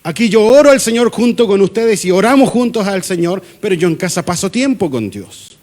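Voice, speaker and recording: A man's voice: high voice, animated, brisk, a little mellow. A man with a Chilean accent, a pastor preaching a conversational sermon in church, acting out little dialogues with humor.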